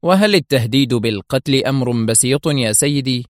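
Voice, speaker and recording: A man's voice: mid-range voice, expressive, brisk, no echo, clean studio sound, lightly acted. A man voicing a nervous male spy agent who stammers and hesitates. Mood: eager.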